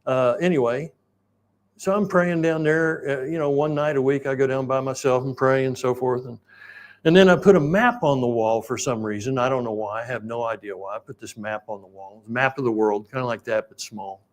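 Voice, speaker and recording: A man, preaching a sermon in a folksy, rambling storytelling way and clearing his throat now and then. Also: medium pitch, brisk. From Oklahoma, United States. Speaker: pastor.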